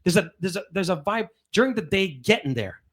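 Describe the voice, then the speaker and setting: A man co-hosting a podcast in casual chat, animated and swearing, repeating himself for emphasis. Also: high voice, fairly quick. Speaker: podcast co-host.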